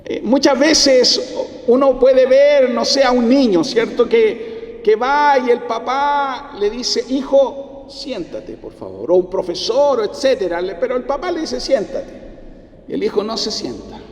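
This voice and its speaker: High-voiced Chilean pastor preaching. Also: male voice. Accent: Chilean Spanish. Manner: preaching with dramatic pauses and acted-out quotes. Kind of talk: sermon. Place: church hall. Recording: echoey church hall.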